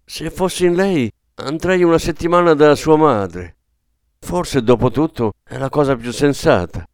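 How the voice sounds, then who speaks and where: Guy putting on a kind older landlady, higher voice, soft and sorry for him, audiobook. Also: measured pace, smooth, dry recording, clean studio sound. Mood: consoling. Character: older woman, kindly landlady, pitying and gentle.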